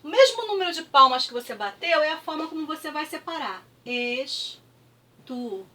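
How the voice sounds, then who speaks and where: Brief: Brazilian woman teacher, high voice, patient, drills syllables slowly, mic set back from her. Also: sing-song, bright, forceful tone, recorded from a distance, slight background noise. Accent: Brazilian Portuguese. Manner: patient, repeats words slowly with clapping, frequent "tá?" checks. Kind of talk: classroom review lesson.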